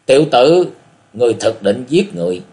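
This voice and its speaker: A sneering old hag speaks coldly and with scorn, as a male narrator puts her on. Her lines move up and down in a lively way. She is a character in a martial-arts audiobook. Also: medium pitch, brisk, lightly acted. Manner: cold sneering.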